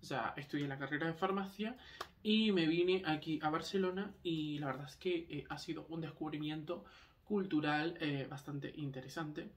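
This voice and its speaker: Young Argentine man, Canarian-tinged accent, higher voice, loose chatty vlog delivery, mic set back. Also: moderate pace, far from the mic, slight background noise. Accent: Argentine Spanish with Canarian touches. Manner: rambling, many fillers and restarts. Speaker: vlogger. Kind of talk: casual monologue to camera.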